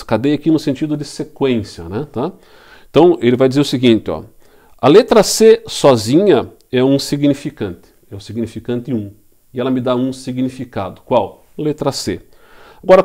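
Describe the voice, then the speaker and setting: A law lecturer with a Brazilian Portuguese accent gives a recorded lecture, working through the material step by step. He poses rhetorical questions and repeats key terms in a mid-range voice with a dark tone.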